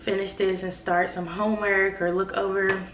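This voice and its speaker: A young adult woman with a medium pitch speaks at normal speed with little pitch movement and a fairly bright tone, over slight background noise. Suffering a cold-like illness and a stuffy nose, she chats casually to camera, rambling with lots of "like" and "y'all." The room echoes, and she's a bit far from the mic.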